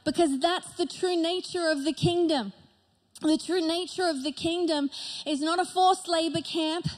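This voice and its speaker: A woman's voice: extremely high pitch, steady tone, moderate pace. A middle-aged woman pastor preaching an emphatic sermon on a large church stage into a handheld microphone.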